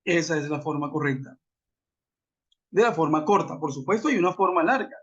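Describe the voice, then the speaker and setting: A man's voice: a little high, lively intonation, normal speed, fairly bright tone, breathy edge. A man teaching an online English grammar lesson, methodical, spelling out letters and asking his class questions. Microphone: web conference audio. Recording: dull lo-fi web call audio.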